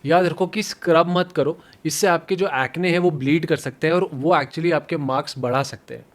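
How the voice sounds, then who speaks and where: A man dermatologist giving step-by-step skin care instructions, mixing in English medical terms. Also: a little high. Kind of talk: medical explainer.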